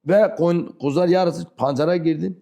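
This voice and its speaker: A man's voice: a little high, moderate pace, gravelly, dark tone. Man telling stories in broken southeastern-accented Turkish. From rural southeastern Turkey. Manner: broken, non-fluent Turkish. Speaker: interview guest. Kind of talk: animated personal storytelling.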